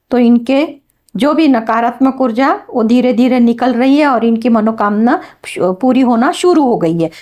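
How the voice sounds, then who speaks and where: A woman teaching a healing practice, chanting calmly and then explaining each step in a slow, devotional way. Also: fairly high pitch. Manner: slow, calm and devotional, repeats words. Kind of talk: demonstration lesson with chanting.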